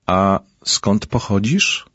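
Kind young priest read by a man, husky, gentle questions, dry and dull sound. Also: on the low side, expressive, slow pace, no echo, exaggerated voice.

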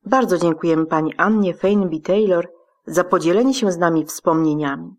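Female radio host, formal and measured, reading a prepared script in a lowish voice. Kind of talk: scripted presentation.

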